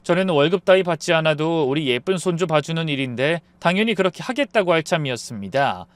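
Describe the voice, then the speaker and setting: A man narrating a scripted first-person story in a calm, rueful, measured way. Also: on the high side, no room sound.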